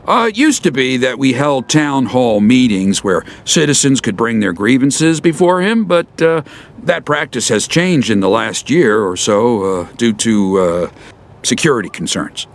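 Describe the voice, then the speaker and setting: A man's voice: medium pitch, big pitch swings, measured pace, a little hiss or hum. An actor playing a flustered, officious male secretary in a video game, speaking formally with hesitant stammers. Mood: evasive, polite. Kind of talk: video game character dialogue.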